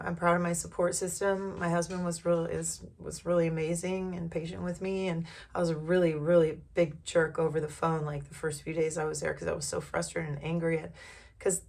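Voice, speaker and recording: A woman talking candidly to the camera in a casual personal vlog, rambling with many fillers and restarts. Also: on the low side. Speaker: vlogger.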